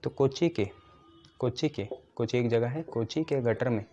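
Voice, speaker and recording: Speaking unhurriedly at a medium pitch with a dark tone, this male chemistry teacher walks through memory tricks step by step, often raising his own questions and then answering them. He checks in with "ठीक है" as he goes. The lecture is captured in a dull, lo-fi recording with a little hiss or hum.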